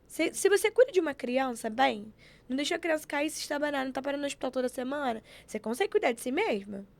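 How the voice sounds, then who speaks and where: A woman telling stories in an animated, preachy way, acting out quotes as she chats on a podcast. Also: high-pitched, fast talker, vocal fry. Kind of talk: casual chat.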